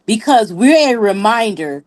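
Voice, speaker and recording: A woman's voice: fairly high pitch, big pitch swings, measured pace. A woman talking on a live group chat, blunt and profane, repeating herself for emphasis. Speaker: panelist.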